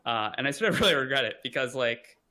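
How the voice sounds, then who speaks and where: This podcast guest, a young adult man, is a fast talker with a mid-range voice. The chat is casual, and he wanders from point to point with lots of "like" fillers and self-mocking remarks.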